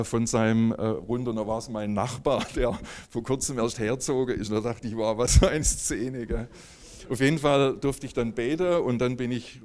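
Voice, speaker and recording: A man's voice: medium pitch, darkish tone. A man telling a personal faith story to an audience, casual and full of fillers and tag questions. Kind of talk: spoken testimony to a live audience.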